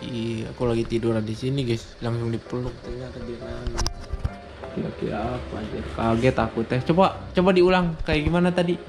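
A man's voice: medium pitch, brisk, over music. A young man, chatting casually to his viewers, laughing and teasing as he tells the story. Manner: laughing, teasing, stammers when excited. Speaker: vlogger. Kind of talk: casual vlog chat to viewers.

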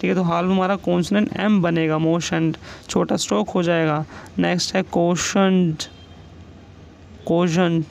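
High gravelly male shorthand teacher. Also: steady tone, a little mellow, a little hiss or hum, low-quality recording. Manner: dictates each example word slowly and repeats it. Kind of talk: classroom explanation.

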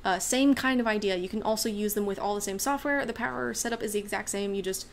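A woman's voice: medium pitch, quick pace, vocal fry, a little hiss or hum. A woman hosting a casual livestream, rambling through viewer questions with many fillers, her voice getting worn. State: losing her voice. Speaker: livestream host and maker.

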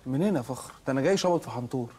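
An actor with an Egyptian Arabic accent playing a poor, nervous young husband who cracks deadpan jokes in a TV comedy series. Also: male voice, mid-range voice, very fast, breathy edge, soft background music. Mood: joking.

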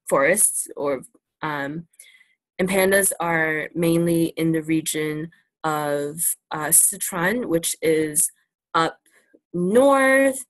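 A young woman with a low voice gives a casual, teacher-style talk about China to students through a laptop webcam video call, as a student presenter in a virtual classroom Q&A. English is her first language, and her easygoing speech has many ums and likes. The sound is dry, with no room sound.

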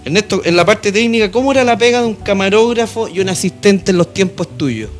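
A man in his forties with a Chilean accent, interviewing and presenting in a studio on a handheld mic, informal and halting in his questions. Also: high-pitched, animated, faint music behind. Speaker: interviewer and host. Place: television studio with small audience. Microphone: handheld microphone.

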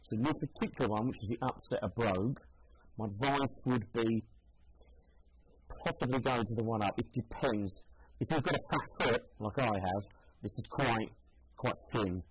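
A man's voice: mid-range voice, normal speed, noisy background. A man, a shoe seller giving a casual, chatty demonstration and thinking aloud as he goes. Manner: chatty, thinking aloud while trying on shoes.

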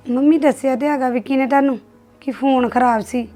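A woman's voice: high-pitched, fairly even intonation, brisk, mellow, faint music behind, close to an everyday voice. A young woman with a Punjabi accent acting a tearful, pleading young wife. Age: young adult.

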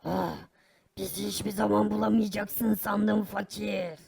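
A woman's voice: medium pitch, steady tone, measured pace, creaky, a crowd in the background. A woman voicing a sly, shameless criminal in a cartoon who boasts about his crimes. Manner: sly, wheedling, casually boastful. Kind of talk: animated cartoon voice acting.

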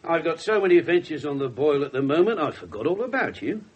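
An actor playing a cynical, slovenly middle-aged police inspector with a British accent, offhand and sardonic, in a 1970s radio drama. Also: male voice, a little high, very animated, quick pace, dull audio. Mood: breezy, sardonic. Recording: slightly noisy 1970s radio recording.

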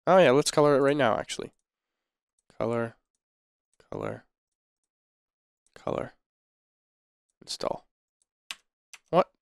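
A man with a sick voice, casually commenting on his gameplay as a video host, chatty and relaxed with many ums and uhs. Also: fairly high pitch, clean tone, no echo, studio quality.

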